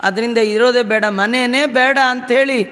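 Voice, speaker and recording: A weary, gentle god grumbles about his troubles in a high, plaintive voice, as a preacher puts him on in a sermon. The words carry a long hall echo. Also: normal speed.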